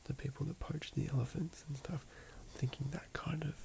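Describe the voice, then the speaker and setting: A man's voice: on the high side, fairly even intonation, brisk, vocal fry, mellow. A man with an Australian accent whispering in a musing, rambling ASMR style as he builds a game character. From southern Australia. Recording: noisy ambient background.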